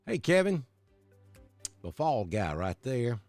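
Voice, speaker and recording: A man's voice: mid-range voice, big pitch swings, slow pace, darkish tone, soft background music. A middle-aged man from Alabama, chatting casually on a live weather stream and greeting viewers by name. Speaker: weather broadcaster.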